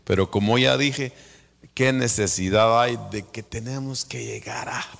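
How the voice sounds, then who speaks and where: A man from Guatemala with a Guatemalan Spanish accent, preaching a sermon. He drops to hushed whispers, then rises to fervent shouts. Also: medium pitch, fairly even intonation, a little slow, gravelly, long reverb tail.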